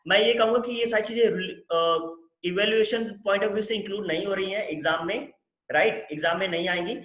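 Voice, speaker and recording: A male teacher with an Indian accent talks students through a syllabus, repeating his instructions again and again. His voice is bright and somewhat high. The room around him is echoey. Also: a little fast. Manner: instructive, repetitive directions, mixes Hindi with English terms. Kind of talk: online syllabus walkthrough lesson.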